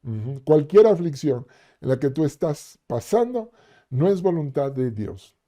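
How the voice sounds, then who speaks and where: Preacher with a dark voice. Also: male voice, a little high, big pitch swings, unhurried. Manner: conversational, acts out quoted voices, frequent "ujú" fillers. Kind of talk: sermon.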